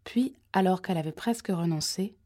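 A woman reading a thriller audiobook in a measured, suspenseful way. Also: fairly low pitch, mellow. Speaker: audiobook narrator. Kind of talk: scripted narration.

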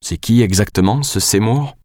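A sarcastic, mocking man, voiced by a male audiobook reader in his own low register. His delivery is dry and teasing, close to the mic with no room sound. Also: normal speed, dark tone, dry recording, natural voice.

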